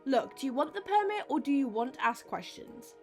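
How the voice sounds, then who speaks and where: A woman's voice: high-pitched, sing-song, a little fast, faint music behind. A woman voicing a prickly, curt female police dispatcher in a game.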